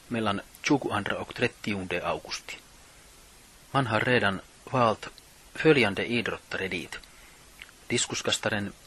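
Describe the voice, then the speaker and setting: Male radio presenter, middle-aged, low husky voice, plain scripted read. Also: bright, forceful tone. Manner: reads from notes, measured and plain.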